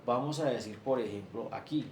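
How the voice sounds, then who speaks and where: A male teacher gives a screen-share class lecture on spreadsheets, explaining step by step and piling on one example after another. His mid-range voice moves at a moderate pace, recorded in an echoey room with faint ambient noise.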